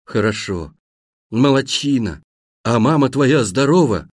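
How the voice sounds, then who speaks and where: A man reading an audiobook and voicing a deaf, bedridden grown man who talks loudly in a deep, husky voice. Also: lively intonation, a little slow, no echo, clean studio sound. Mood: loud, gruff.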